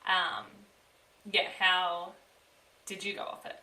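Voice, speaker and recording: A woman's voice: on the low side, level tone, slow pace, pushed and bright, recorded from a distance. A woman in her twenties co-hosting a podcast in casual, chatty talk full of fillers and restarts. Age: 20s. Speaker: podcast co-host. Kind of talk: casual chat. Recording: roomy, off-mic sound.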